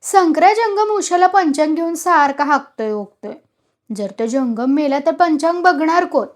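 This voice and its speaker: A woman voicing a hot-tempered old village man with a shrill, shouting voice. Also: expressive, moderate pace. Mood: agitated.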